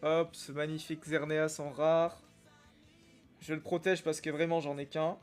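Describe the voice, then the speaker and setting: A young man chatting casually on a live stream while opening trading card packs, reacting with excitement and greeting viewers by name. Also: fairly high pitch, measured pace, soft background music. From Algeria. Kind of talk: casual live-stream chat reading comments.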